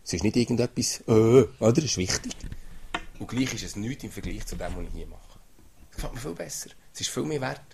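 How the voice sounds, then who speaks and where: A man's voice: medium pitch, animated, a little fast, creaky, very noisy. A man gives an informal sermon to a small group, talking in a conversational way and often asking "oder?". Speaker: lay preacher.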